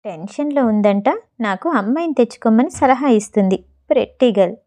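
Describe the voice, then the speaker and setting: A woman voicing a calm, wealthy middle-aged man with a low-key, dryly amused manner, in an audiobook story. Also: brisk.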